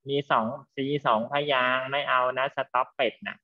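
A man teaching an English class online, quizzing students and explaining slowly and patiently over a video call. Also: medium pitch, steady tone. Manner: patient, drawn-out explaining, calls students "child". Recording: slightly dull lo-fi sound.

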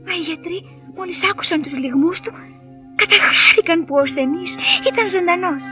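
A woman narrating a children's fairy tale in an expressive storytelling manner. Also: very high-pitched, faint music behind.

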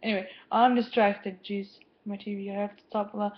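A woman's voice: medium pitch, little pitch movement, brisk. A teenage girl chatting casually to camera at home, rambling and easily distracted, with lots of "like". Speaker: vlogger. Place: home, indoors. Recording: dull lo-fi webcam sound.

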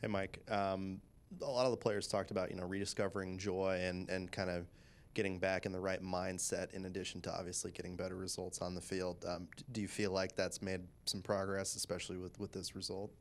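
A man's voice: sits low, little pitch movement, fairly quick. A man asking a coach questions at a press conference, hesitant with plenty of fillers. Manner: hesitant, filler-heavy phrasing. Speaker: reporter.

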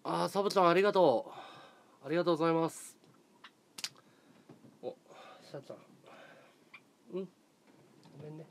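A man hosting a livestream, chatting casually with viewers in a relaxed way, often chuckling and thinking aloud. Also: a little high, normal speed, vocal fry, long pauses, slight background noise. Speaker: livestream host.

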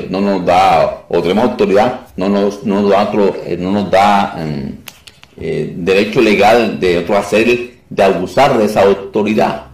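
Guy teaching a deliverance ministry class, kinda low voice, lots of repeating and "ok?", sounds a bit far off in a roomy space. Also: a little mellow. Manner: repetitive, restarts often, asks "ok?" to check. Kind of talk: informal teaching talk. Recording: echoey room, voice from a distance.

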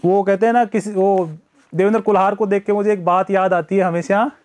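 High-voiced male teacher, chatty live lecture. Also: fairly even intonation, brisk, a little mellow. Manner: chatty, greets viewers by name; acts out students' excuses in first person. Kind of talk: live online exam-prep lecture.

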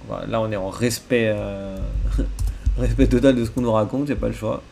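A man's voice: fairly low pitch, fairly even intonation, normal speed, gravelly, dark tone, faint music behind. A man live coding and thinking aloud, muttering to himself in a casual, self-deprecating way. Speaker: coding streamer. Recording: faint keyboard typing behind.

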